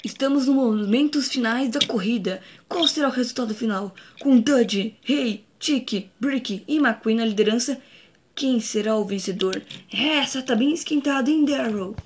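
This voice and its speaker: Woman as a high-voiced cartoon race commentator. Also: moderate pace, lightly acted. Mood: engaged. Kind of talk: sports commentary. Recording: noisy home recording with clicks.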